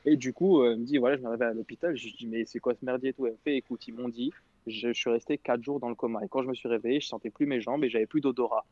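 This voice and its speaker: Young man, fast rambling storyteller, slangy, dry lo-fi sound. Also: mid-range voice, fairly even intonation, no echo. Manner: rambling, slangy, quotes others. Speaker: radio show guest telling a story. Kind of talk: casual storytelling chat.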